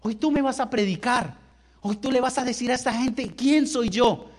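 Jesus as a calm, commanding man, as a male preacher acts him out in a sermon. The voice is high and husky, earnest and declaiming. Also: moderate pace.

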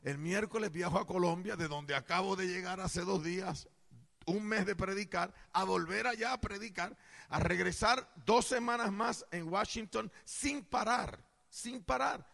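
Man from the Caribbean, preacher, high pitch, loud, playful, echoey church hall. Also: unhurried, vocal fry. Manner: loud, playful, jokes with the congregation. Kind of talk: sermon.

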